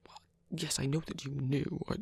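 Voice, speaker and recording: This ASMR roleplay performer takes on a proud, flirtatious villain in pain, murmuring in a soft, breathy, gravelly voice with halting hesitation that is guarded yet tender. The pitch is medium, the tone steady, and there is no echo.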